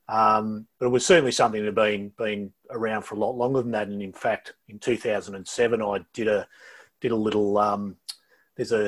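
A middle-aged Australian man answers interview questions over a low-quality video call. His voice is husky and sits fairly low. He talks in a halting, casual way, often repeating words before carrying on. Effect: low-quality video call audio. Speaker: interview guest.

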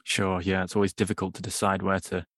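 A man's voice: low-pitched, flat delivery, fast, fairly bright tone, no echo, studio quality. A man hosting a science podcast, reading a polished introduction and asking questions. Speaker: podcast host. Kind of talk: scripted introduction and interview.

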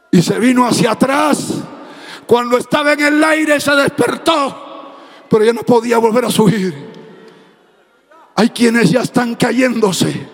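A man preaching a fiery sermon as a pastor, shouting and half-singing his phrases. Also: extremely high pitch, big-room sound. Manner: speaking in tongues.

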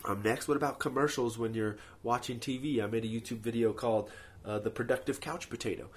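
A man's voice: mid-range voice, fairly even intonation, a little fast, husky. A man hosting a podcast, talking off the cuff with practical, motivational advice and frequent rhetorical check-ins. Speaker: host of a productivity podcast. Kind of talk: casual advice monologue, speaking off the cuff.

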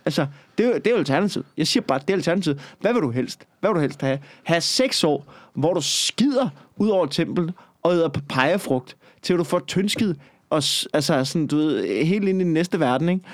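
A man's voice: on the high side, animated, dry recording, studio quality. A man in casual chat, rambling and joking crudely with lots of filler tags.

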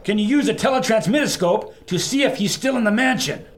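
Impatient wisecracker, bouncy and higher-pitched. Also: male voice, expressive, a little fast, a little hiss or hum. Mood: urgent. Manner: blunt, wisecracking. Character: brash male adventurer, impatient, wisecracking.

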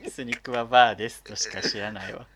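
A man's voice: medium pitch, fairly even intonation, fast talker, a crowd in the background. A man co-hosting a casual podcast chat, teasing his partner and giggling a lot. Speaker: podcast co-host.

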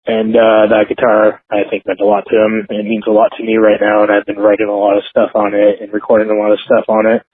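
A man from Canada leaving an earnest, halting voicemail over a landline phone. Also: lowish voice, completely flat delivery, husky. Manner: earnest, halting, searching for words. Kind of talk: casual spoken message. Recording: tinny phone-line voicemail.

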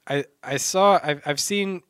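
Guy co-hosting a sports podcast, lots of ums, smooth clear voice, super dry sound. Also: a little high, measured pace, a bit bright, no echo. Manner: hesitant, many fillers and restarts. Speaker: podcast co-host. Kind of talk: casual sports chat.

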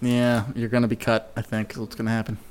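A man's voice: mid-range voice, monotone, quick pace, a little mellow, clear, resonant tone. A man co-hosting a podcast in casual chat, teasing his partner with dry, mock-serious remarks. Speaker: podcast co-host.

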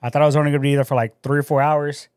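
Guy venting about his week on a podcast, cusses a lot, kinda high voice, dry mic. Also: racing, clear, resonant tone, dry recording. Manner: rambling, profane, animated storytelling. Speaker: podcast co-host and store manager. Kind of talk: casual podcast storytelling.

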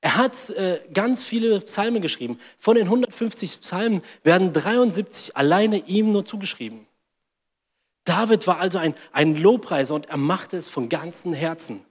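A man's voice: high voice, normal speed, slightly rough, big-room sound. A man preaching a sermon, reading scripture aloud and acting out mocking inner voices.

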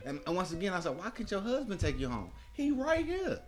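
A man's voice: a little high, big pitch swings, fast talker. A man co-hosting a casual podcast, telling a story with profanity, acting out quotes in voices and saying "bro" a lot. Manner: says "bro" often. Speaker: podcast co-host. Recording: music playing loud behind the talk.

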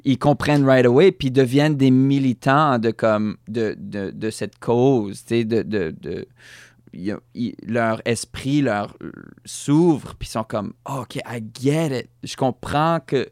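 A man's voice: mid-range voice, unhurried, a little mellow, no room sound, clean studio sound. A man from Saskatchewan with a Fransaskois French accent, a guest musician in a casual podcast conversation, hesitant, restarting words and slipping in English phrases. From Saskatchewan, Canada.

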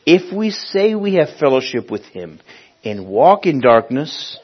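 This male preacher from Honduras has a husky voice that runs on the high side with a sing-song lilt. Telling personal stories within his sermon, he sounds conversational and halting, reaching for words. Sound quality is dull, muffled lo-fi.

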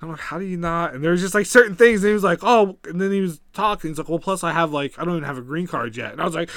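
A man's voice: a little high, very fast, a bit bright, dry recording, studio quality. A young man casually telling a rambling story, laughing often and acting out what people said. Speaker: podcast co-host telling a story. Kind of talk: casual chat.

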